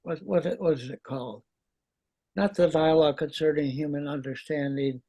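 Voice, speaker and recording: A man leading a seminar discussion, wry and halting, with many restarts. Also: on the high side, fairly even intonation, mellow. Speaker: discussion leader.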